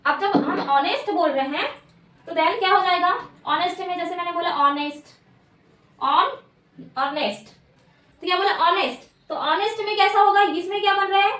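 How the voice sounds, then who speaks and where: A woman teaches grammar in a high, bright-pitched voice, posing questions and answering them herself. She repeats each key word. The mic sits well back, so the sound is roomy and echoey. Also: a little fast. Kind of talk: grammar lesson at a board. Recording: echoey room, mic at a distance.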